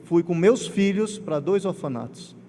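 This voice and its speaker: Man, Pernambuco accent, spiritist lecture, animated storytelling, long hall echo, faint background noise. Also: high voice, unhurried. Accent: Pernambuco Portuguese. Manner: emotional, animated storytelling with acted quotes. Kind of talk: lecture to a congregation.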